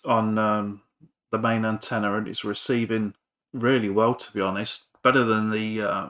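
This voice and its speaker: A man with a fairly low, fairly bright voice gives informal, hesitant and rambling commentary on a repair at his workbench. A hobbyist electronics repairer and video presenter, he comes across as self-effacing.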